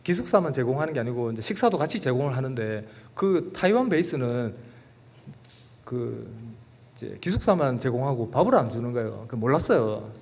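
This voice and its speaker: A man's voice: mid-range voice, very animated, brisk, vocal fry, a little mellow, breathy edge. A middle-aged man, a guest pastor, tells a personal story in a church sermon in an earnest, emotional way. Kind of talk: sermon testimony. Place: church sanctuary.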